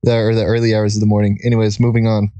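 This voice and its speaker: Recording beneath a blanket, this young podcast host sounds muffled but echo-free. His low, mellow voice stays monotone while he talks very fast, rambling along and giggling.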